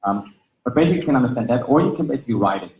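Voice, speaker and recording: Racing through his talk with lively intonation, an Austrian conference speaker explains things in an Austrian German accent, German being his first language, and relies on fillers like "basically" and "right?". His mid-range voice is a little mellow. The conference venue recording is rough, with a roomy sound.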